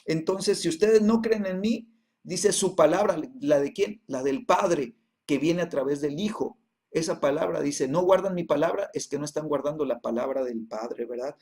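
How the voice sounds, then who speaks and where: Gravelly man teaching a Bible class. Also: a little high, darkish tone. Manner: reads scripture slowly, then explains with many fillers and tag questions.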